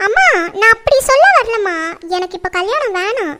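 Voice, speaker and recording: A woman's voice: extremely high pitch, lively intonation, fairly quick, very noisy. A woman acting as a pampered young daughter who whines and pleads with her mother. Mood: pleading. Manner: whining, pleading.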